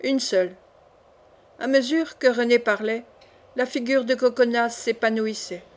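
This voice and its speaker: A woman's voice: a little high, fairly even intonation, normal speed. Woman narrating a classic novel. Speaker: audiobook narrator. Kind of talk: scripted narration.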